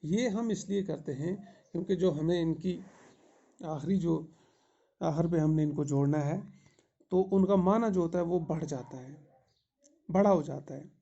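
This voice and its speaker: A man with a Kashmiri accent, teaching an English grammar lesson, explaining each word slowly and step by step. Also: on the high side, gravelly, dark tone. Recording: dull lo-fi recording.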